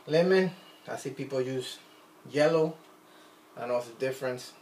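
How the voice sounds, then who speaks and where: A Puerto Rican vlogger in his thirties rambles and pokes fun at himself while making a drink in his home kitchen, filmed on a phone propped on the counter. His medium-pitched voice is a little mellow and goes at a normal speed. The kitchen echoes, with faint ambience and slight background noise.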